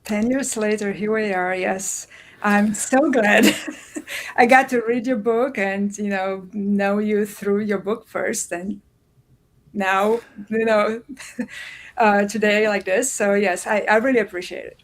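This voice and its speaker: A middle-aged woman from Romania, a guest in a casual interview who laughs often and sounds warm and appreciative. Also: medium pitch, steady tone, takes it slowly, low-quality recording.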